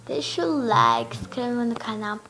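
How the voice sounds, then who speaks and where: A woman's voice: a little high, huge pitch swings, normal speed, vocal fry. A young girl from Brazil, chatting on her video channel and giggling as she reads chat messages aloud. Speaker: YouTuber. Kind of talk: casual vlog narration. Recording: noisy home recording.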